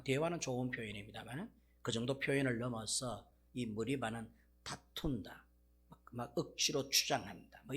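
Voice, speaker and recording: Gravelly, husky male pastor preaching. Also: mid-range voice. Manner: animated storytelling, repeated filler "막", swells loud for emphasis. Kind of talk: sermon.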